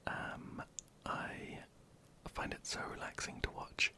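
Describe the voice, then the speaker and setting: An ASMR creator, whispering softly and hesitantly while answering viewer questions into a close microphone. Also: takes it slowly. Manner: soft, hesitant, many ums and restarts.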